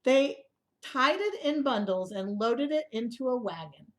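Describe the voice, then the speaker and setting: Reading a picture book to young children, a woman with a slightly high voice goes a little slowly. She reads expressively, tossing in asides and questions for her listeners.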